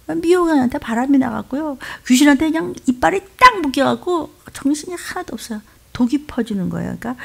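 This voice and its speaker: Gravelly-voiced woman preaching with fervor. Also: fairly high pitch. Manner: emphatic preaching, swinging between loud exclamations and hushed whispers. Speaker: pastor. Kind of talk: sermon.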